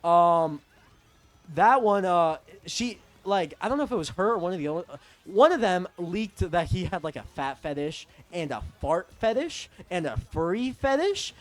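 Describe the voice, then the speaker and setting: A man's voice: sits high, expressive, moderate pace. A young man from Texas telling a rambling, profane storytime rant. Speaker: vlogger.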